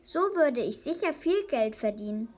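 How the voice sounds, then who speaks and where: A woman's voice: a little high, expressive, normal speed, dark tone. Musing shepherd planning riches, read by a woman. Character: scheming male shepherd dreaming of riches. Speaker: reader. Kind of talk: reading a fable aloud.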